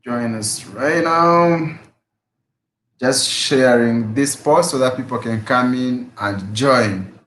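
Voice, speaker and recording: Speaking slowly in a fairly bright, mid-range voice, a man runs a relaxed fitness stream from his room at home once work is over. He calls out viewers by name and repeats phrases with plenty of energy, and his room gives the audio an echo.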